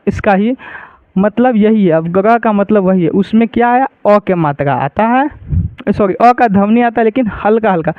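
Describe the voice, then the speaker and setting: A man's voice: high-pitched, no echo. A man teaching an online lesson on reading Sanskrit, patient and repetitive, often checking whether viewers understood. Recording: dry, phone-like narrow sound.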